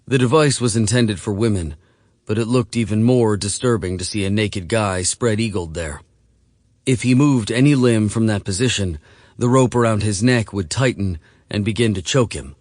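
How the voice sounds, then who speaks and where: A man narrating an audiobook in a measured, steady reading voice. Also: lowish voice, dry recording, studio quality. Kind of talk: scripted narration.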